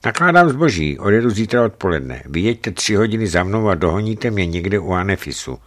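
A man voicing a shrewd, gruff middle-aged ex-legionnaire trucker who talks bluntly and matter-of-factly. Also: lowish voice, very animated. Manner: blunt, matter-of-fact bargaining.

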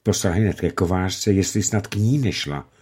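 A man narrating a classic story aloud in a measured, expressive way. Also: low-pitched, slightly rough.

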